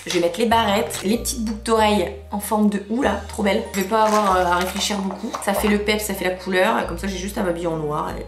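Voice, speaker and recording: A woman's voice: medium pitch, steady tone, fast talker, hardly any pauses. Woman in her thirties, ch'ti accent, chatty vlogger, echoey room, faint music underneath. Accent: Northern French (ch'ti). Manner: chatty, spontaneous, self-mocking. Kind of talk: casual vlog chat. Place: outdoors in the sun, then indoors.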